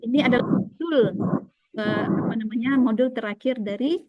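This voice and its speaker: A woman's voice: fairly high pitch, normal speed. A woman from Aceh giving an online lecture, her voice breaking up over a choppy video call as she keeps checking in with her listeners. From Aceh, Indonesia. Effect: choppy, breaking-up video call audio. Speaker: early childhood education trainer. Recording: dull, dry video call audio.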